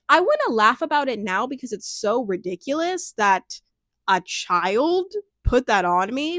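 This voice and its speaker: A young adult woman tells a personal story in a candid, reflective monologue, sounding thoughtful and searching. She often says "like" and laughs softly, speaking at a medium pitch on a dry recording.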